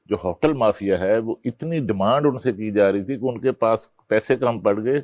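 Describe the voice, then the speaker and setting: A man's voice: fairly low pitch, a little mellow, dry recording, lo-fi sound. A man speaking as a panelist in a talk show discussion, recounting what he read in the news.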